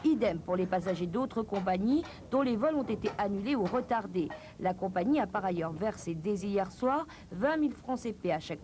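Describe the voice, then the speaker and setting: A woman reading a scripted television news report as a reporter. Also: medium pitch.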